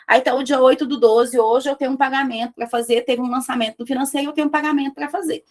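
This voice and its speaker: A woman's voice: high-pitched, fast. A woman, teaching a business lesson as a mentor and speaking straight to her audience. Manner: lively, talks to the audience directly, acts out dialogues.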